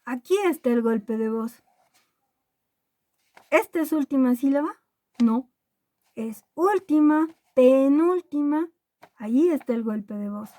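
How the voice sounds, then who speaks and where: Woman teacher, unhurried classroom delivery, close and dry, keeps asking the kids if they follow. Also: on the high side, expressive, mellow, dry recording. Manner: slow, deliberate, spells words out syllable by syllable; asks the class checking questions. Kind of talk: classroom lesson.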